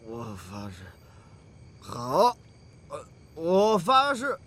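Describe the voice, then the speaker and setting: Slow, halting, devoted young suitor. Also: male voice, on the high side, huge pitch swings, a bit bright, full character voice. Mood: earnest vowing. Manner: halting, earnest, hesitant. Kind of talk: costume drama acting.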